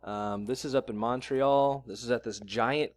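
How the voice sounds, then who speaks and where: A man's voice: mid-range voice, normal speed, no echo. A man vlogging in a blunt, sarcastic ranting style. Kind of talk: ranting commentary vlog.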